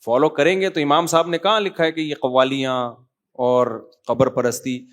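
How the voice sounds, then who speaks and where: In a sermon Q&A, a tired-sounding, middle-aged man with a Pakistani Urdu accent reads his congregation's written questions aloud and answers them. His mid-range delivery is flat, yet he stays lecturing and conversational and keeps addressing people as brother.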